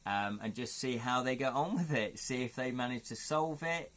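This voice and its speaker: In this casual chat with viewers, a UK livestream host rambles and thinks out loud, leaning on "you know" again and again. His voice is mid-range and a bit bright, at a normal pace.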